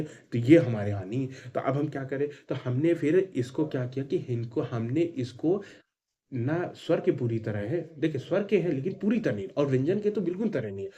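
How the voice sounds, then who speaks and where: A man's voice: medium pitch, mellow, slightly rough. A male teacher giving an exam-prep grammar lesson, asking and answering his own questions and repeating key points with emphasis.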